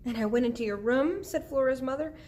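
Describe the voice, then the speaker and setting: Frantic, tearful storybook mother, high and pleading, read by a woman. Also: a little fast, darkish tone, slight background noise, natural voice. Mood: distraught. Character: distraught anxious mother, middle-aged woman.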